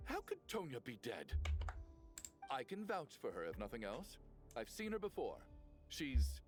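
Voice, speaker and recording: A man's voice: medium pitch, wildly swooping pitch, measured pace, soft background music. A blunt, defensive townsman. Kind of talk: video game voice acting.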